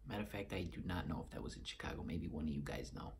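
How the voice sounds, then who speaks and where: A man's voice: very deep voice, lively intonation, rapid-fire, gravelly, background noise. A man in his thirties with a Boston accent, giving a casual beer review and partly reading aloud in a room at home.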